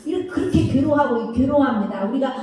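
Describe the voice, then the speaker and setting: A woman with a fairly high, mellow voice tells a children's sermon as a story. She acts out the quoted lines with animation. She is heard from a distance in an echoey church hall. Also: fast talker. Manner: animated retelling with acted quotes. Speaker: children's worship preacher.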